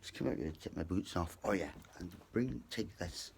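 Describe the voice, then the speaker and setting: A British man speaks in a deep, gravelly voice with imprecise R sounds. His delivery is casual and digressive, like someone vlogging to viewers from his bedroom. A faint layer of noise sits behind the voice. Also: normal speed. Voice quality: trouble pronouncing R sounds when excited. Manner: meandering, digressive, talks to viewers. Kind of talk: casual, rambling vlog chat. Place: bedroom at home.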